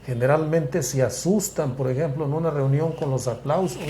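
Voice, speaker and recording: A man, a psychiatrist guest explaining things in a measured, step-by-step way with frequent restarts. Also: on the high side, dark tone, slight background noise. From Mexico. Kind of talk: explanatory interview talk.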